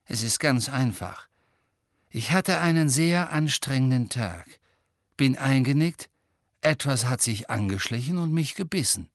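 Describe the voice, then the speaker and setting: A man's voice: medium pitch, lively intonation, measured pace, dry recording, studio quality, voice pushed up. A man reading aloud, voicing a kindly middle-aged wizard father who talks hastily and evasively in a storybook. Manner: raised, hasty when evading.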